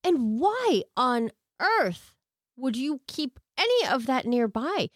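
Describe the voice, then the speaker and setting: Female true crime co-host, highly varied melody, sardonic edge, recorded very dry. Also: very animated, takes it slowly, no echo. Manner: incredulous, sardonic asides. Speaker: podcast co-host. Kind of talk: true crime narration with casual, wry commentary.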